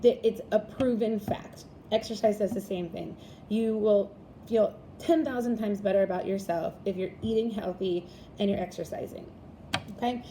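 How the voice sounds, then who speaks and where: A woman's voice: mid-range voice, moderate pace, warm tone, a little hiss or hum, rough recording. A woman in her thirties teaching a class, talking to her students in an encouraging, chatty way and often checking in with "right?" and "okay?".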